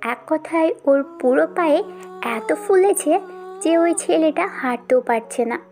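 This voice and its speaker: A woman narrating an audio drama, steady and storytelling. Her voice sits high. Faint music plays beneath her. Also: unhurried.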